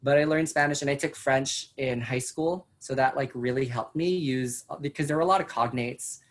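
A teacher from the Philippines whose first language is Chavacano chats casually and easily. Her voice is very low for a woman, and she fills pauses with ums and laughs often.

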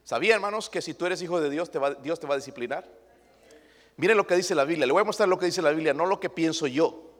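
A man's voice: a little high, quick pace, in a large hall. A male pastor preaching a sermon emphatically, throwing rhetorical questions at his congregation.

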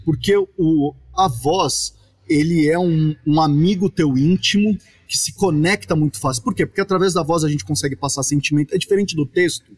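A man from Brazil, a podcast guest, explaining his topic at length in casual chat with animated asides. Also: fairly high pitch, moderate pace, breathy edge.

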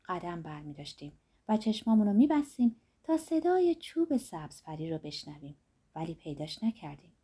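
A woman narrating a fairy tale in a soft, dreamy way, her sentences trailing off quietly. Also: mid-range voice, slightly rough. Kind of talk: storytelling narration.

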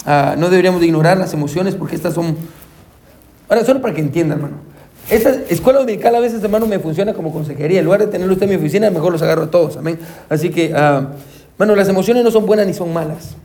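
Speaking very fast in a high, dark-toned voice, a counselor leads a Sunday school lesson. He addresses everyone as brother and drops frequent amens. He voices the people he quotes and slips English words into his speech.

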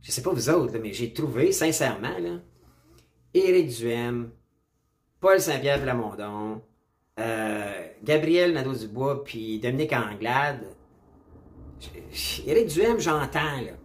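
A man's voice: medium pitch, animated, a little slow. A man with a Quebec French accent giving a casual opinion monologue to camera, blunt and emphatic, slangy, mixing in English words and repeating his catchphrases. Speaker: political commentator. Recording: roomy echo.

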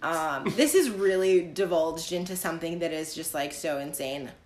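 A woman in her twenties chatting casually as a podcast co-host, rambling in a neurotic, halting way with repeated words. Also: deep voice, a little mellow. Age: 20s. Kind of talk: casual chat. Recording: roomy, echoing sound.

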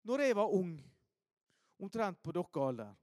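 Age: adult. Sex: man. Style: storytelling sermon, high voice, dry sound. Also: no room sound. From Norway, Ålesund. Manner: animated storyteller, swings from loud emphasis to hushed asides. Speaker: preacher.

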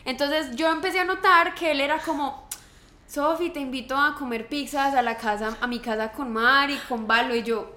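A woman's voice: high voice, moderate pace, sharp tone, reverberant. A young woman with a Colombian accent, telling a story in casual chat as a podcast co-host, acting out quotes with animation.

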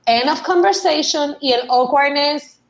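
With a crowd audible behind her in a rough recording, a woman from Puerto Rico in her thirties speaks a bit slowly in a high, creaky voice. As a podcast guest recounting her experience, she tells lively stories in Spanish sprinkled with English words.

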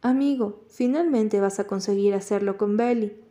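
A woman's voice: mid-range voice, moderate pace, dark tone, natural voice. A woman voicing a crude young man at a party, boasting and leering in a storybook reading.

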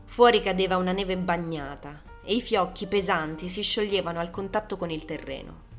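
Una donna che legge un romanzo come narratrice, con un tono calmo e regolare. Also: female voice, lowish voice, normal speed, faint music behind. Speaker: audiobook narrator. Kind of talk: scripted narration.

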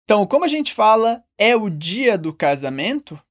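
A Brazilian woman teaching French in Portuguese, modelling phrases slowly and clearly and asking the listener to repeat after her. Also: mid-range voice, big pitch swings. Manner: slow, carefully enunciated model phrases. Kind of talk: language lesson with repeat-after-me drills.

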